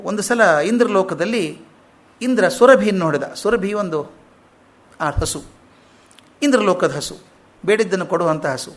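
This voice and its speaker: Guy telling epic stories to a hall, animated and emphatic, high-pitched. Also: a little slow, long pauses. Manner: animated, emphatic, acts out quotes. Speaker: public speaker. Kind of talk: storytelling discourse on an epic. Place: lecture hall.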